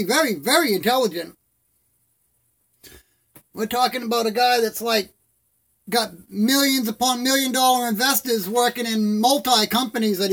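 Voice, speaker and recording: A man with a strikingly high voice chats casually to his live stream. His words have the soft, slightly slurred shape of toothless speech, with lips closing over the gums. He rambles along in a friendly, buddy-to-buddy way.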